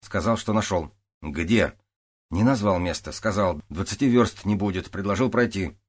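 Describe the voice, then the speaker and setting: A man's voice: low voice, normal speed. A man voicing a stubborn young police lieutenant who answers in terse, defensive bursts, read as an audiobook character.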